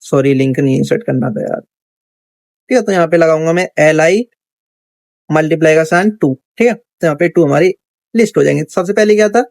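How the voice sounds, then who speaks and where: This man's fairly high, darkish voice carries vocal fry and runs a little fast, with no echo. He's a chatty coding instructor thinking aloud in a casual screen recording, frequently checking in with "theek hai."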